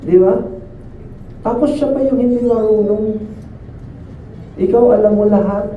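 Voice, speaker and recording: A man's voice: sits high, a little slow, slight background noise. A man preaching a sermon at a church service in a conversational way, often asking the listeners to agree. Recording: echoey distant phone-like sound.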